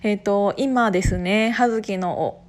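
A woman's voice: mid-range voice, slow pace. A woman in her twenties from Gunma, hosting her own podcast in casual solo talk, chatty, with frequent laughs and fillers. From Gunma, Japan. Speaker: podcast host.

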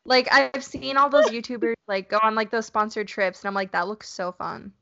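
A woman's voice: on the high side, normal speed, creaky, pushed and bright. A young woman co-hosting a podcast, chatting casually and giggling often. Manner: giggly, easygoing. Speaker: podcast co-host. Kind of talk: casual chat. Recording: dull lo-fi sound.

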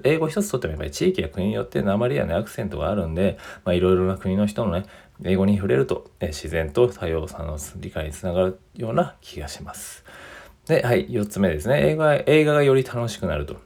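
A man from Japan talks quickly through a casual solo podcast, going point by point through a numbered list. His low voice is gravelly and a little husky. He often stops and corrects himself mid-phrase. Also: darkish tone. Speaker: podcast host.

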